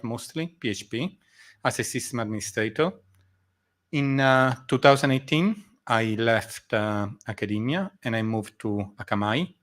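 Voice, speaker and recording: A middle-aged man from Argentina and Italy, giving a measured conference presentation with frequent pauses in a meetup room. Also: medium pitch, a bit bright. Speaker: guest speaker. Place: meetup room before a live audience.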